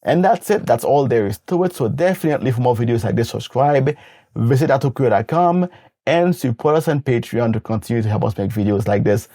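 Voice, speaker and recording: A man's voice: mid-range voice, lively intonation, fairly quick, dark tone, no echo, clean studio sound. A man teaching a language lesson, patiently walking through examples one at a time and repeating them. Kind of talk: instructional explanation.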